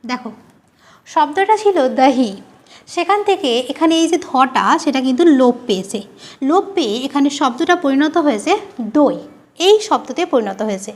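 A woman teaching a grammar lesson, repeating key terms slowly and asking questions she answers herself. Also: high-pitched, lively intonation.

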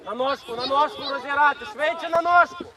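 A man coaching youth football, telling players to stay calm and calling out passes from the touchline. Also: extremely high pitch, brisk. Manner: calm-urging, repeats "steady". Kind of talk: touchline instructions. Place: outdoor football pitch. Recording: crowd noise, outdoors.

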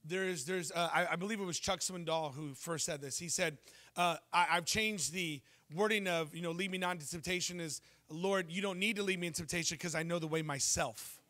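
Fairly quick and fairly high in pitch, a bright-voiced pastor preaches to his congregation from the church stage. Mic in hand, he spins animated stories, throws in jokes, and asks the crowd questions.

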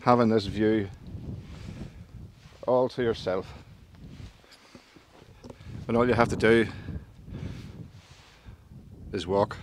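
Slow and often pausing, a fairly low, slightly mellow male voice keeps a fairly even intonation. The speaker is a chatty outdoor vlogger in his fifties, filming a casual vlog on a windy mountain summit with a phone camera at arm's length, laughing a lot and joking at his own expense.

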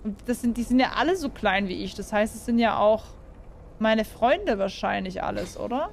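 A woman's voice: medium pitch, lively intonation, moderate pace, vocal fry, slight background noise. A young woman playing a horror game and commenting for her viewers, jumpy and full of exclamations, often asking them questions. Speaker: gaming YouTuber.

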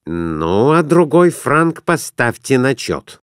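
A man voicing a calm middle-aged captain who gives quiet, persuasive advice. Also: medium pitch, slow pace, clear, resonant tone, no room sound, clean studio sound, pitched above the performer's own voice. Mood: coaxing.

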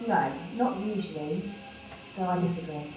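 A woman's voice: on the low side, normal speed, distant mic, music in the background, lightly acted. A woman voicing a shy virtual woman. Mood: hesitant. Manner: hesitant, reluctant answers. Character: shy young female virtual human in VR. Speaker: interviewee in a study. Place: research VR room. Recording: echoey room, heard from afar, noisy.

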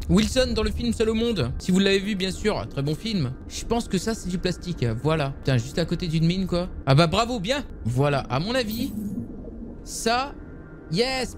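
A young man casually commenting on a survival game for his viewers, excitable and swearing often. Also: high voice, a little hiss or hum. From France. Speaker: gaming youtuber.

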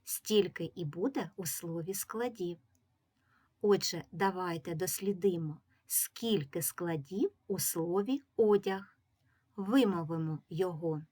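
A primary school teacher with a fairly low, dark-toned voice gives young children a reading lesson. She works slowly and patiently, drawing out each word syllable by syllable.

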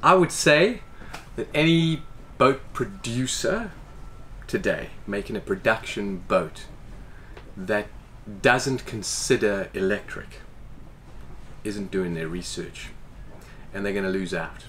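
Speaking slowly in a fairly low voice, a forty-something boat owner explains things casually during an interview in the boat's salon. He's animated and moves his hands as he talks, with slight background noise present.

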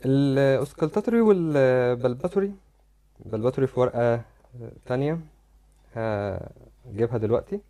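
Lecturing on medicine over slides, an Egyptian Arabic-accented man walks through each step, repeating words while demonstrating. His medium-pitched voice is warm and brisk, broken by long pauses.

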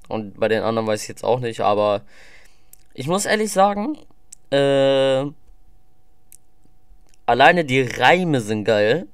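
A man's voice: mid-range voice, smooth, dry recording, studio quality. A man giving casual, enthusiastic, rambling reaction commentary on music into a desk microphone. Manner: enthusiastic, slangy, rambling with fillers.

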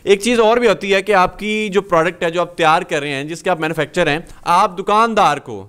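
A man's voice: high-pitched, brisk, fairly bright tone, smooth. A man in his thirties from Pakistan, hosting a business interview and explaining machines step by step, recorded on a handheld mic in a small indoor workshop. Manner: explanatory, walks through machines. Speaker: host.

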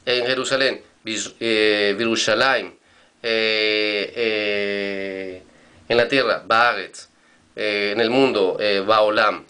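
A man's voice: fairly low pitch, steady tone, takes it slowly, sharp tone. A man teaching Hebrew vocabulary in a recorded lesson, patiently repeating and spelling out words.

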